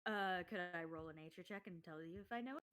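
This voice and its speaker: Woman playing an rpg, clear-cut bright voice, kinda hesitant, casual chat. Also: fairly low pitch, fast talker. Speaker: tabletop game player. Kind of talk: casual role-play chat.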